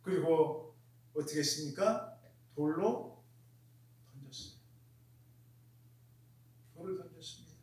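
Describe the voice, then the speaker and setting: A man delivers a sermon in a high, carrying voice. He hammers home each point by repeating it and keeps asking his listeners questions. He sounds set back from the mic, in a room full of echo. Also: takes it slowly, pauses often, a little mellow. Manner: emphatic, repeats key phrases, asks the congregation questions. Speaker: pastor. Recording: very echoey room, mic far off.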